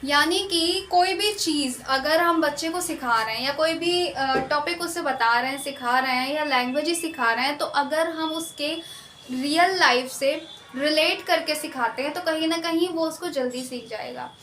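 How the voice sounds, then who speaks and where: A woman teacher with an Indian accent, giving an exam-prep lecture and slowly explaining key terms, repeating them and mixing in English words. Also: high voice, sharp tone, roomy sound, slight background noise.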